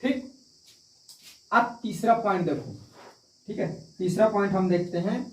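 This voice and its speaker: A man with a somewhat high voice teaches math a little slowly, repeating the main points and answering the questions he puts to the class. A distant mic picks him up in an echoey room.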